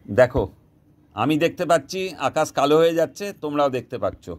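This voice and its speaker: A man's voice: fairly high pitch, animated, quick pace. A man teaching viewers to make fishing bait in a casual vlog, recorded outdoors, talking in a repetitive, insistent way and sliding into broken Hindi. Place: outdoors, sky darkening before rain.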